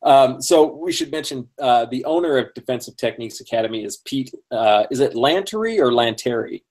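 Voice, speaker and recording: A man's voice: medium pitch, fairly even intonation, a little fast, a little mellow. A man hosting a casual interview, friendly and talkative, often laughing and using many fillers. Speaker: podcast host.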